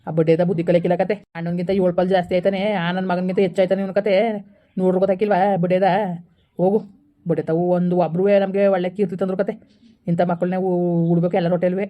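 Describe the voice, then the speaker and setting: This is a scolding village mother with a rapid, sarcastic tongue, as a woman acts her out. Her voice is mellow and dark, and she speaks rural Karnataka Kannada in a family skit. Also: on the low side, flat delivery, close to an everyday voice.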